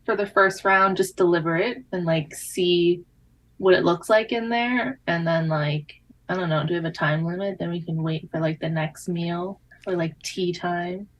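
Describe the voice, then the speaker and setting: A woman's voice: fairly low pitch, normal speed, low-quality recording. A woman playing in a tabletop game, offering tentative ideas that trail off. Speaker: player. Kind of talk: tabletop role-play chat.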